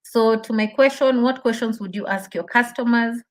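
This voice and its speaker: A woman's voice: on the high side, normal speed. A woman teaching an interactive online session as a trainer, encouraging participants, repeating her questions and checking that they follow. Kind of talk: interactive webinar teaching, reading out chat responses.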